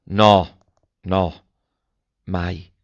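A man's voice: mid-range voice, unhurried, dry recording, lightly acted. A man voicing a proud, resolute young woman who speaks with grave earnestness. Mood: anguished. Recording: dull dry lo-fi recording.

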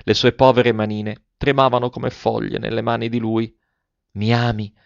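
A man reading a literary narration aloud in a measured, expressive way, in a dull and slightly muffled recording. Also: mid-range voice, creaky, no room sound. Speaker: audiobook reader.

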